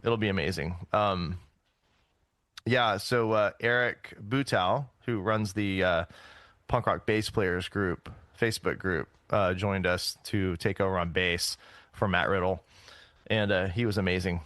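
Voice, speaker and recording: A man hosting a casual podcast, talking in a relaxed, rambling way full of fillers. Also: low-pitched, normal speed, no room sound. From United States. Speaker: podcast host.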